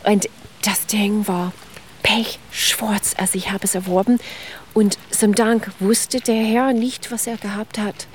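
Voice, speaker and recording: A woman's voice: medium pitch, steady tone, slow pace, slight background noise. Woman explaining ice cream history. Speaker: ice cream expert guest. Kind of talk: radio interview.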